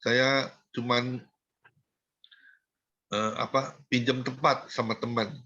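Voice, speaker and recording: A middle-aged man preaching as an evangelist, telling his own testimony with a lot of feeling and rising high on the words he stresses. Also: little pitch movement, slow pace, bright, forceful tone, slightly rough. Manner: emotional storytelling, pitch rises high when stressing. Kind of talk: sermon testimony. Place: home, joining an online service. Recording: dull lo-fi video call audio.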